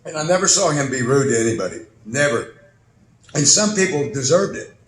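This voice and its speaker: A man's voice: mid-range voice, expressive, a little fast, roomy sound, a little hiss or hum. A man, a singer-songwriter, telling folksy family stories and laughing often. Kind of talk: storytelling with a song.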